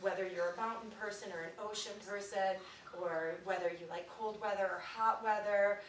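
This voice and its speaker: A woman's voice: mid-range voice, fairly even intonation, moderate pace, slight background noise. Woman guiding mindfulness in a roomy space. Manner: gentle, drops to soft near-whispers during exercises. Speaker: mindfulness consultant leading a workshop. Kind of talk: guided mindfulness practice for families. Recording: roomy echo, recorded from a distance.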